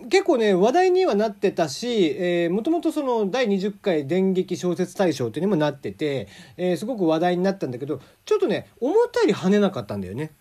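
Lively chatty man with southern Japanese lilt. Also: brisk, hardly any pauses. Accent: mixed Kagoshima and Hakata dialect. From Kagoshima, Japan. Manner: chatty, many fillers, lively pitch swings. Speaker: podcast host. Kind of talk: casual solo radio talk.

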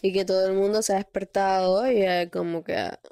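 A woman's voice: medium pitch, fairly even intonation, fairly quick, mellow. A woman co-hosting a casual podcast, answering briefly and reluctantly. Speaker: podcast co-host. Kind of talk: casual couple chat.

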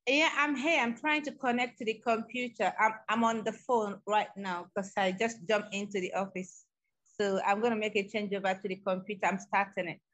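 A woman joining a conversation as a guest, speaking over the phone in a friendly, slightly hurried way. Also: mid-range voice, steady tone, fairly bright tone, poor audio. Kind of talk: casual conversation.

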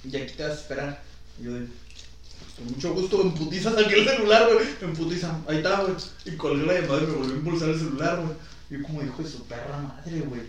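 A young man with a Mexican accent telling a story on a casual podcast, full of crude slang and lively retelling. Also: on the high side, racing. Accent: Mexican Spanish. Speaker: podcast host. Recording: echoey room, far from mic, faint noise.

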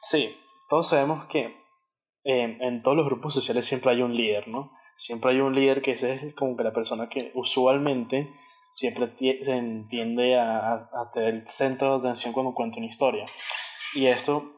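A man's voice: medium pitch, steady tone, normal speed. Man explaining, dull lo-fi recording. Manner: explanatory, with frequent restarts and fillers. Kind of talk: casual chat.

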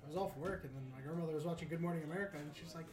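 A man as a podcast guest in casual chat, joking and acting out little stories, recorded in a comic book store. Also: on the high side. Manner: joking, quick talk, acts out voices in stories. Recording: echoey room with crowd noise.

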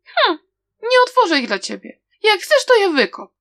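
A woman's voice: extremely high pitch, huge pitch swings, moderate pace, fairly bright tone, pitched above the performer's own voice, exaggerated voice. A woman voicing a feisty young girl who bickers sharply and defiantly.

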